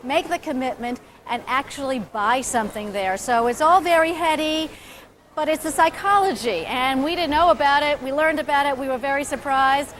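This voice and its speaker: A woman reporter gives a conversational live TV report. Her voice is high, with some ambient noise behind her. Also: moderate pace, fairly bright tone. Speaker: television reporter.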